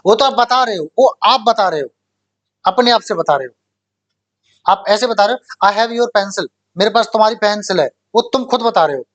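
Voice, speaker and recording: A man's voice: high-pitched, animated, moderate pace, a bit bright, dull audio. A male English teacher lecturing a classroom, explaining patiently, repeating points and asking the class rhetorical questions.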